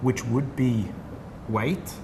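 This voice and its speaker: Speaking very slowly and in a steady tone, this mid-range male voice belongs to a company representative from Sweden with a Swedish accent. He walks through a product in detail for an interview while the room around him is noisy.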